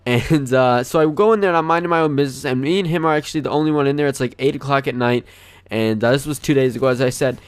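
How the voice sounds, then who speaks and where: A man's voice: medium pitch, quick pace, clear, resonant tone, no echo. Rambling young man telling a story. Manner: rambling, animated, many fillers. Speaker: gaming channel host. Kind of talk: casual storytelling over gameplay.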